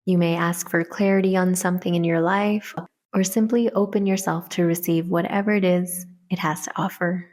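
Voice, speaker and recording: A slightly low-voiced woman guides a meditation with fairly even intonation at a moderate pace. As host, she takes listeners through every step with gentle, soft and soothing instructions.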